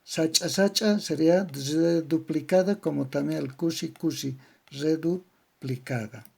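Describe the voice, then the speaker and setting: A man with a Bolivian accent giving a slow, methodical grammar lesson, spelling out syllable patterns word by word. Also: a little high, vocal fry, a little mellow, husky. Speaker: language teacher. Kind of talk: slow didactic lecture on grammar.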